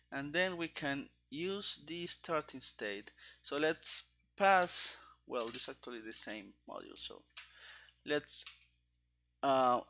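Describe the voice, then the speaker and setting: The host of a coding stream, a man in his thirties, mutters haltingly through his live coding commentary into a headset. He has a medium-pitched, sharp-toned voice, and keyboard typing and clicking can be heard around his indoor desk.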